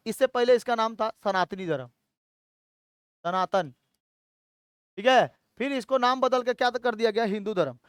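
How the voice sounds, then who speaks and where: A man's voice: sits high, dry recording, clean studio sound. A male teacher gives a history lecture. He keeps asking the class questions, answers them himself, and checks in with "theek hai" all the time.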